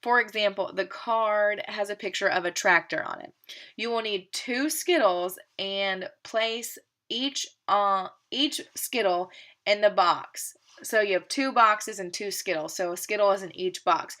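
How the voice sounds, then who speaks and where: Woman calmly explaining a lesson plan. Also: mid-range voice. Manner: steady, methodical explanation with occasional fillers. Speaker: teacher presenting a lesson plan.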